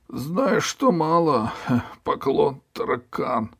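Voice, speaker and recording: A man voicing a poor, groveling old ferryman who pleads in a high, wailing voice. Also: slow, vocal fry. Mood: wailing pleading.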